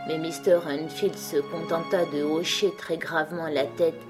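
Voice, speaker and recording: Woman, audiobook narration, steady, clear, lowish voice, soft music behind. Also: measured pace. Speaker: audiobook reader. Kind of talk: scripted narration.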